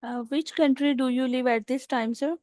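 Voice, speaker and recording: Woman interviewer, polite and hesitant; fairly high, smooth voice, dry sound. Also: fairly even intonation, moderate pace, mellow, no room sound. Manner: polite, hesitant, addresses guest as sir. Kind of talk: interview questions.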